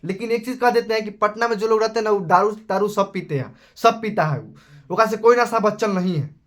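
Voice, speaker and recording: A man's voice: high-pitched, brisk, a bit bright. A young man with a Bihari accent teaching maths in a live class, chatty and scolding, calling his students beta. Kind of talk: casual Hindi live class.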